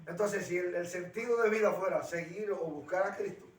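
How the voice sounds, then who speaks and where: A man's voice: high voice, a little fast, slight background noise. Man teaching in a roomy space. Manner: explains by acting out dialogues and anecdotes. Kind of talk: conversational teaching. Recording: roomy, distant from the mic.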